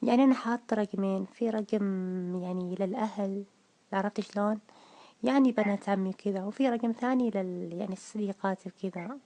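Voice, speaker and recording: Coy young Saudi woman, voiced by a man doing a woman's voice, Gulf accent, mellow tone, evasive and halting, telephone audio. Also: sits high. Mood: hesitant, evasive. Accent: Gulf Saudi Arabic. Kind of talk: prank phone chat.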